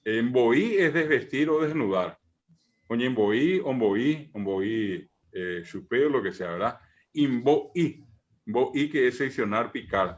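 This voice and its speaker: A man teaching a language class online, patiently repeating examples, pausing on fillers and checking in with his students. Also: medium pitch. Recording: muffled online call audio.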